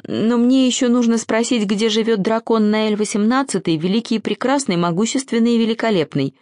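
A shy little hedgehog boy, as a woman reader puts him on, speaking in a raised, light voice with hurried, overly polite phrases. He sounds anxious and eager not to offend, in a dry, close storybook reading. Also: fairly high pitch, darkish tone, dry recording, pitched above the performer's own voice, lightly acted. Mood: timid polite. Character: timid little male hedgehog, polite and frightened.

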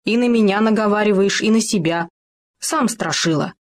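The storyteller voicing an excitable, anxious young male gopher, raising the pitch for a storybook reading. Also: moderate pace, natural voice. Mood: indignant.

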